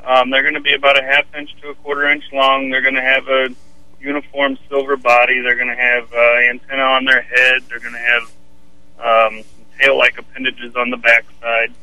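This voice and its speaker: A man's voice: medium pitch, completely flat delivery, a little fast, bright, forceful tone, no room sound, poor audio. A man calling in as a pest control expert, describing bugs casually with many fillers. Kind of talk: phone-in interview.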